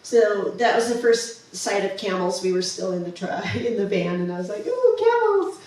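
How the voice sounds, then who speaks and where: A woman's voice: mid-range voice, fairly even intonation, moderate pace, a little mellow. Woman presenting a travel slideshow, chatty and enthusiastic, distant mic, very echoey room, faint background noise. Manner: chatty, enthusiastic, many ums and restarts. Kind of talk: casual slideshow talk.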